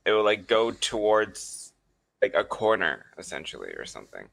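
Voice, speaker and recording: Low bright-voiced young man, rambling. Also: huge pitch swings, normal speed, creaky, a little hiss or hum. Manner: rambling, filler-heavy arguing. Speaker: podcast co-host. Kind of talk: casual chat. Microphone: computer mic over a voice call.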